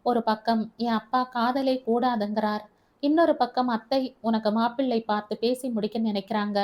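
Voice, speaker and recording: A woman's voice: on the high side, steady tone, moderate pace, close to an everyday voice. A woman reading a tender reassuring young husband. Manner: gentle, soothing, affectionate. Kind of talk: audiobook character voice.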